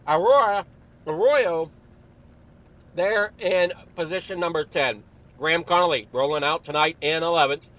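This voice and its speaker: A man's voice: on the high side, a bit bright. A man commentating an online sim race broadcast, casual and a little out of breath, running through the starting grid. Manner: casual, apologetic, slightly rambling.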